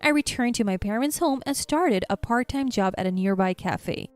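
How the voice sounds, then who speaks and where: A woman narrating a first-person story in a calm, matter-of-fact manner. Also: a little high, moderate pace, dry recording, soft background music.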